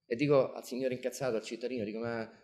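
A man telling a comic theatrical monologue in a deadpan way, filled with repeated "I say" lines. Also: mid-range voice. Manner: rapid, repetitive "I say" storytelling, deadpan. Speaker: storyteller.

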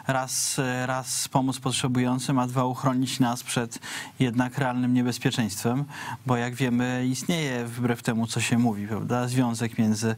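A middle-aged man speaking as a guest commentator in a TV news studio, talking haltingly with many restarts and tag questions, on a lapel mic. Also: mid-range voice, completely flat delivery.

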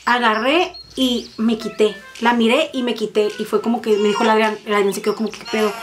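Fast-talking Mexican woman telling a story. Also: a little high, fairly even intonation, loud music behind the voice. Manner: fast, profane, dramatic storytelling. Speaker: vlogger. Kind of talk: casual storytime chat.

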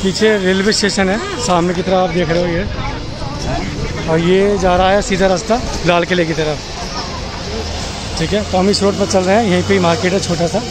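Casual travel vlogger, male, high voice, street crowd and traffic loud around the camera mic. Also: fairly even intonation, normal speed, long pauses. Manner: chatty, addresses viewers as friends. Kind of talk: casual walking vlog narration. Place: busy outdoor street market. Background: crowd chatter and traffic.

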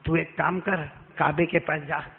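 A man's voice: fairly high pitch, steady tone, measured pace, gravelly, narrow, tinny audio. A man preaching a sermon in a mosque, telling a story dramatically, acting out the characters and calling on the crowd to respond. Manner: dramatic, acts out characters, swings from soft to shouting.

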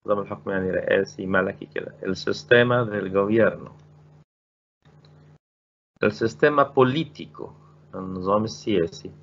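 A man's voice: low voice, fairly even intonation, a little fast, vocal fry, hardly any pauses, dull audio. A man with an Egyptian Arabic accent teaching Spanish grammar in a recorded lesson, explaining step by step and repeating each word. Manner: explains step by step, repeating words and asking rhetorical questions.

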